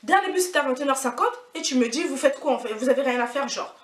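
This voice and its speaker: A woman's voice: high voice, quick pace. A woman in her twenties telling a story in a casual, indignant, slangy way, repeating herself for emphasis. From France. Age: 20s. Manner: indignant, animated, repetitive slangy retelling. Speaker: vlogger. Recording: echoey room, mic at a distance.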